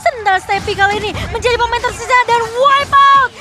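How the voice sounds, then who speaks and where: High, fast Indonesian woman esports announcer. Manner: excited shouted calls, drawn-out words at big plays. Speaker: esports play-by-play caster. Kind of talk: live fighting game announcer commentary of a mobile game match. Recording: noisy arena with crowd behind.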